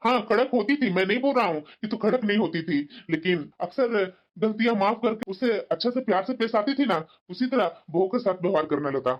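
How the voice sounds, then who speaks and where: A kindly, patient father in a cartoon family drama, as a performer voices him. He gently lectures his family in a middle-pitched voice, and the lo-fi recording sounds dull. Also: lively intonation, a little fast, hardly any pauses. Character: kindly middle-aged father, elder brother. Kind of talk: cartoon voice acting. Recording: dull lo-fi audio.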